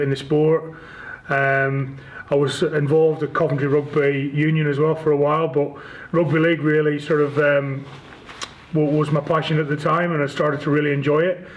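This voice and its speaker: A rugby league club chief executive in his forties from Northern Ireland answers interview questions casually as a guest, his Northern Irish accent carrying hesitant, stop-start phrasing. His voice is fairly high. The recording has its highs cut off.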